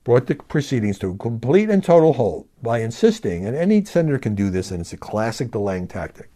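A middle-aged man from Brooklyn delivers televised news commentary with a lively, swooping delivery. His tone is mellow and warm, and he talks in an emphatic, chatty way. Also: mid-range voice, a little fast. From Brooklyn, New York. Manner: animated, emphatic, conversational. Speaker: news media commentator and show host.

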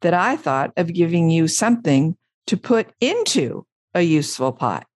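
A woman's voice: mid-range voice, steady tone, slow pace, no room sound, clean studio sound, pitched above the performer's own voice, natural voice. Woman as Piglet, raised timid little storybook pig. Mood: pleased. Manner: faltering, meek, anxious to please. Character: small, timid, apologetic male piglet of a children's storybook.

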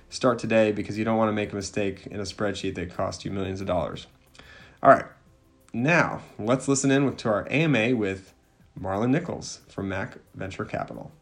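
A man hosting a podcast, reading announcements and sponsor messages in an upbeat, promotional way. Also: fairly low pitch. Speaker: podcast host.

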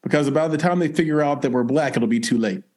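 A man's voice: a little high, fast, darkish tone. A man speaking in a casual, conversational way.

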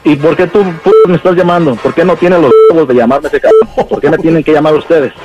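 A man's voice: a little high, quick pace. A man with a Mexican accent on a phone call, angry and swearing heavily. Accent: Mexican Spanish. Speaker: prank call target.

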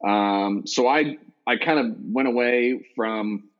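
A man's voice: mid-range voice, takes it slowly. A man co-hosting a casual movie podcast, rambling with restarts and fillers, often laughing. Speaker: podcast co-host. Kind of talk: casual movie-list chat. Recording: dull lo-fi recording.

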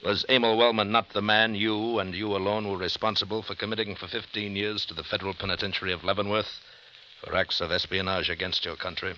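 An actor playing a suave, cold-blooded hired killer in an old radio drama, with formal, mannered diction and a silky, menacing delivery. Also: male voice, on the low side, little pitch movement, fast talker, pushed and bright, slight background noise, poor audio. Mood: coolly menacing. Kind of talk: 1950s radio drama acting.

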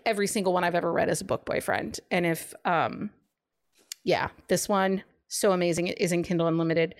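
Gushing woman raving about books. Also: medium pitch. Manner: gushing, enthusiastic book recommender. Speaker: podcast co-host pitching a book pick. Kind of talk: casual book chat among friends.

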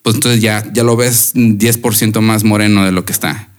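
Mexican man, low voice, casual podcast chat, slangy, relaxed. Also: moderate pace. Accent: Mexican Spanish. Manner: relaxed, slangy, explains with examples. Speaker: podcast co-host.

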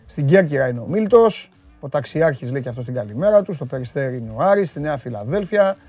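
A man hosting a live stream, greeting viewers and reading their comments in a playful, teasing way with sudden loud bursts. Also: a little high, very animated, no room sound, soft background music. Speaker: host.

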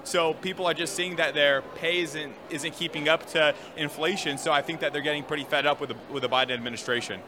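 A man's voice: on the high side, fairly even intonation, fast talker, hardly any pauses, noisy background. A man giving matter-of-fact, casual interview answers.

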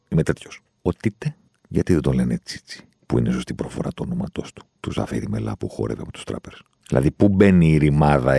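A man hosting a football podcast, in an animated, sarcastic monologue that jumps from loud outbursts to muttered asides. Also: very deep voice, dry recording, studio quality. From Greece. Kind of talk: opinionated monologue.

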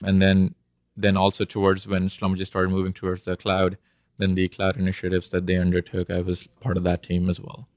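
Male startup founder as interview guest, Indian accent, low pitch, little melodic movement, informal explanatory delivery. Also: completely flat delivery, fairly quick, a little mellow, no room sound, clean studio sound.

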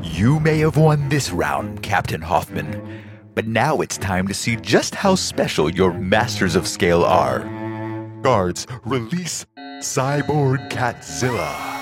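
A man's voice: on the low side, very animated, takes it slowly. An actor playing a gloating male villain colonel in a retro radio-serial parody, with theatrical cackling delivery. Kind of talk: old-time radio serial acting. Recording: music playing behind.

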